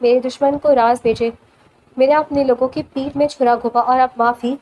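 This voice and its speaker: Cold male crime boss voiced by a woman, slow icy menace, high voice, audio novel reading. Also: fairly even intonation, a little mellow, highs cut off, close to an everyday voice.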